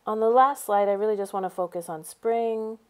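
A woman's voice: medium pitch, brisk. A woman teacher narrating a screencast tutorial, explaining each step in an upbeat way. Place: voice-over over a screen recording.

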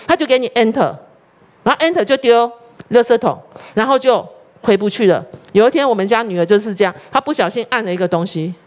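A middle-aged woman preacher, delivering a sermon and asking the congregation questions. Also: fairly high pitch. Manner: animated, rhetorical questions to the congregation.

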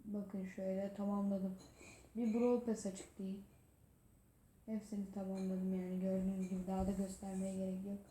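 A woman hosting a gaming video, commenting excitedly as she plays and talking to the game. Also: medium pitch, moderate pace. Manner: excitable, talks to the game, frequent exclamations. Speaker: gaming channel host. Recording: roomy echo.

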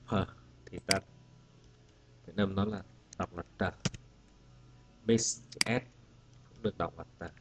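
A man's voice: deep voice, fairly even intonation, a little slow, long pauses, noisy background. A male teacher walking students through an exam-prep lesson, patient and methodical, saying each example word twice before explaining it. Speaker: English teacher.

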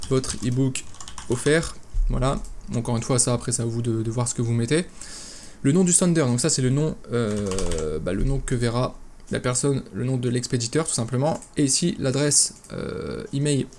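A man calmly talking through a software tutorial step by step, with lots of fillers and restarts. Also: mid-range voice, a little hiss or hum. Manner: relaxed, explains step by step with many fillers and restarts. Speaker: e-commerce tutorial host. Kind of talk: casual screen-recorded software tutorial.

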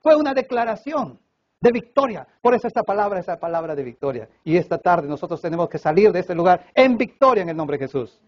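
A man preaching a sermon at a church service, swinging between loud emphatic cries and hushed low passages. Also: sing-song, fast, lo-fi sound. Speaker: pastor.

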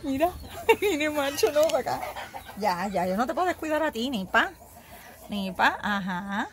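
Woman, slow, high-ish voice, soothes and coos at animals in a pen, phone recording with faint noise. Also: very animated. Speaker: evangelist filming her farm animals. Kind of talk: casual phone vlog with animals. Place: outdoor animal pens with goats and sheep. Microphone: handheld phone.

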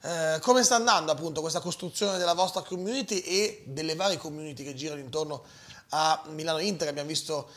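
A man's voice: fairly high pitch, fast, fairly bright tone. A man hosting a morning radio show, chatting casually and introducing guests. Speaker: radio host.

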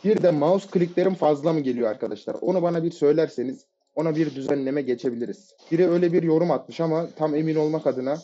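A man giving live gameplay commentary, excitable and shouting at teammates and enemies in sudden bursts. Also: a little high, fast talker, few pauses. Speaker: gamer playing a ranked match. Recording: dull lo-fi mic audio.

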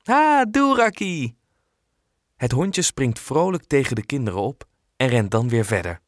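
A man narrating a children's audiobook in a clear, expressive storytelling manner. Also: medium pitch, moderate pace, no room sound, clean studio sound.

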